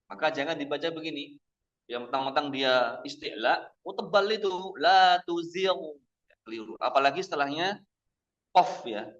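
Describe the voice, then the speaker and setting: A man teaching Quran pronunciation at a mosque study session. He drills each sound slowly and repeats it several times, contrasting the correct reading with wrong ones. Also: on the high side, a bit bright. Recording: dull lo-fi lecture recording.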